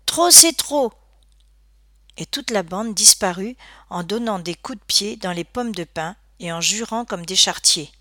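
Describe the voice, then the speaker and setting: A woman narrating a story aloud in an expressive, scripted reading. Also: mid-range voice, normal speed, dry recording, clean studio sound. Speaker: audiobook narrator.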